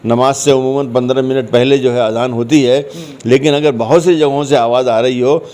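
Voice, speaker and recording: Warm and steady in tone, a mid-range male voice answers interview questions at normal speed. The speaker, a guest commentator, explains his points conversationally and repeats phrases for emphasis.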